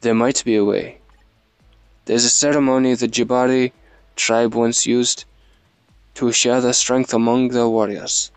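A man's voice: medium pitch, fairly even intonation, moderate pace, creaky, smooth, no echo, soft background music, natural voice. A man reading as a regal warrior king. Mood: solemn. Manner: reads plainly, no accent attempted. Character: regal male king leading a ritual.

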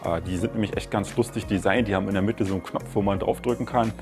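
A tech reviewer in his thirties talks fast in a lowish voice while casually reviewing gadgets in his living room at home. Music plays in the background, and he explains things in a chatty way with plenty of fillers.

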